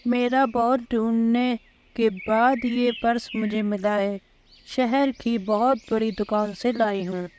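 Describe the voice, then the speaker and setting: A woman voicing an excited, boastful female parrot showing off her new purse. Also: on the high side, a little hiss or hum, lightly acted.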